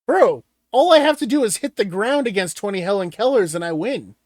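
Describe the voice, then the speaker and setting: Loud excitable young man, fairly high voice. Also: fairly quick, no echo, studio quality. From Washington State. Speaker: podcast co-host and streamer. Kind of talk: casual banter.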